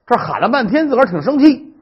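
Husky guy storytelling, swooping all over, high voice, muffled old recording. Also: very fast. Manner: animated, acts out the characters' voices. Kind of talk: traditional storytelling. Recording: dull lo-fi recording.

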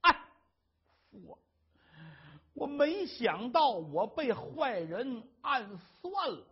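A man's voice: very high-pitched, sing-song, extremely slow, slightly rough, pitched above the performer's own voice, full character voice. A male storyteller voicing a grieving, ashamed young wife who pleads tearfully and breaks off mid-sentence. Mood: distraught. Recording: dull lo-fi recording.

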